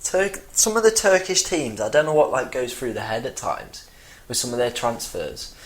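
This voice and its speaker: A man's voice: medium pitch, big pitch swings, moderate pace. Easygoing man in football chat. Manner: easygoing, laughs along and agrees readily. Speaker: football channel co-host.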